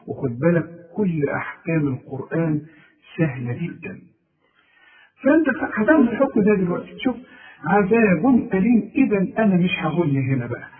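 A man's voice: on the high side, narrow, tinny audio. Egyptian man teaching Quran recitation. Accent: Egyptian Arabic. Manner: explains patiently, repeats words slowly to demonstrate. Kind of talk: tajweed lesson with recited examples.

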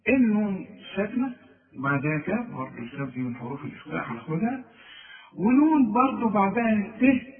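Brief: higher-voiced Egyptian man, tajweed teacher, slow chanted examples and brisk coaxing asides, thin phone-like audio from a distance. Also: very animated, reverberant. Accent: Egyptian Arabic. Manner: drawn-out chanted recitation between quick explanations; coaxing, checks with the listener. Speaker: Quran recitation teacher. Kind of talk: tajweed lesson with recited examples.

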